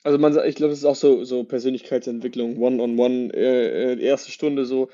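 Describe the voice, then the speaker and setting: A man co-hosting a podcast in casual discussion, talking in quick, loose restarts. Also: mid-range voice, fairly even intonation, dark tone, muffled recording. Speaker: podcast co-host. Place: shared house in Marbella.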